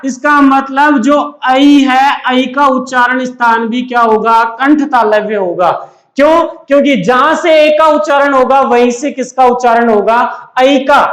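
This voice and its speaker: Man, very high voice, exam-prep teacher, asks and answers himself, echoey room. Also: fairly bright tone. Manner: repetitive call-and-answer teaching.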